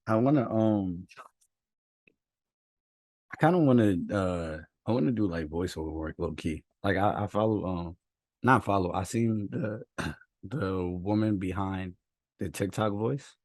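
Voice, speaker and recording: A young man co-hosts a casual podcast, talking in an animated, emphatic and slangy way and laughing often. His voice sits low and sounds dry and close to his own mic. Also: measured pace, long pauses, no echo. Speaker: podcast co-host. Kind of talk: casual chat. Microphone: own mic at home, phone nearby.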